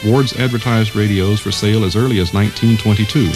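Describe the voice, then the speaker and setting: A man with a fairly low voice reads scripted documentary narration at a fast pace, with instrumental music playing behind him.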